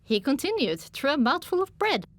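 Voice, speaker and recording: Woman narrating an audiobook, slightly high. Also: very animated, normal speed, a bit bright, no echo. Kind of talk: scripted first-person narration.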